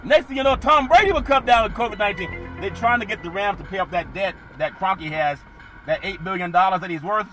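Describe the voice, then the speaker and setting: Middle-aged guy ranting sports talk, high voice, loud then quiet, car noise behind. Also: low-quality recording. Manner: animated, repeats catchphrases, swings loud and quiet. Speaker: podcast host.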